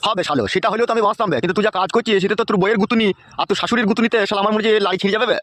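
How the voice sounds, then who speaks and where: A man's voice: high voice, very fast, no room sound. A man voicing an exasperated, foul-mouthed village father in a comic cartoon, ranting at his son. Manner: ranting, cursing. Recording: loud background music.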